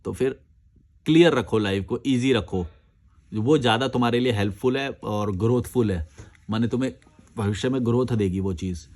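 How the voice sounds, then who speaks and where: A man's voice: mid-range voice, normal speed, darkish tone. A man answering viewer comments in a casual chat, blunt and argumentative, recorded outdoors. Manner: blunt, argumentative, reads comments aloud then rebuts.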